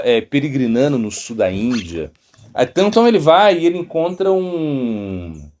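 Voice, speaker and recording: Brazilian monk, middle-aged man, informal teaching, animated pitch, halting storyteller. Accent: Brazilian Portuguese. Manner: rambling, with many fillers and restarts, lively storytelling. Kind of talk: informal spiritual talk.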